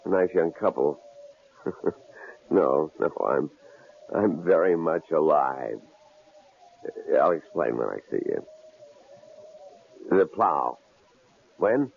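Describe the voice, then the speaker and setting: In an old 1950s-70s radio drama, a male actor with a very deep, gravelly, exaggerated voice plays a shrewd, calm middle-aged university psychology department head who posed as a killer. His delivery is breezy, measured and dryly amused, on a tinny, lo-fi recording with faint hiss.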